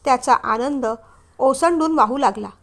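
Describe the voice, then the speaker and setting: High-voiced woman reading a story. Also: moderate pace. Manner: expressive, emotional reading. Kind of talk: scripted story narration.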